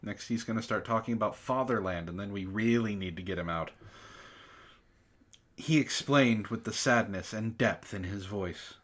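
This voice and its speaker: A book club show host reads aloud in a low voice at normal speed, outspoken and exasperated, swearing freely. He swings between casual banter and mocking, dramatic readings.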